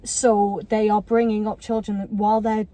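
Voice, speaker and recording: A woman's voice: medium pitch, level tone, mellow. A woman, co-hosting a podcast in rambling, self-interrupting casual chat. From Yorkshire, England. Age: 20s. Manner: rambling, self-interrupting, quick to laugh along. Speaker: podcast co-host.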